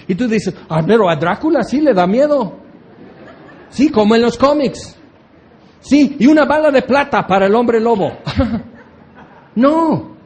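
A man teaching a Bible passage as a preacher, chatty and animated, often slipping into mock voices. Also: high voice.

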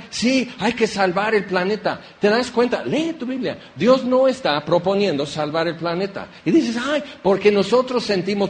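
A man preaching a sermon as a pastor, lively and acting out little quoted voices. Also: high voice. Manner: animated, acts out quoted voices.

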